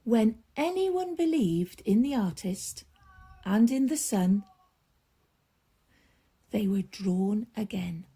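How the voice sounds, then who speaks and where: Reading a children's bedtime story aloud, a woman storyteller uses a medium-pitched voice with lively intonation and a breathy edge. She delivers it expressively, stretching out emphasis and letting her voice drop to a hush.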